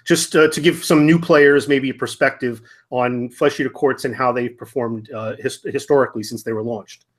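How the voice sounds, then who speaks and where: A man's voice: mid-range voice, fairly even intonation, moderate pace. A man hosting a tabletop gaming talk show, asking questions with many fillers and restarts. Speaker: podcast host. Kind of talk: casual hobby gaming discussion.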